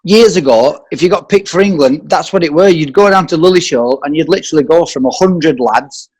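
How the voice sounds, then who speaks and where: A man in his late thirties hosts a casual podcast chat. His voice sits fairly high, and he asks questions in a relaxed way and chips in with short agreement. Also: brisk, breathy edge. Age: late 30s. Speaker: podcast host.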